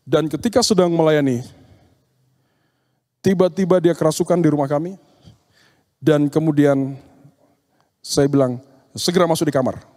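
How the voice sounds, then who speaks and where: A man's voice: on the high side, normal speed, pauses often, darkish tone. Man preaching in a long-reverb hall. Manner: storytelling, acts out dialogues with demons and youths. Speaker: speaker at an occult seminar. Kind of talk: seminar sermon with told stories.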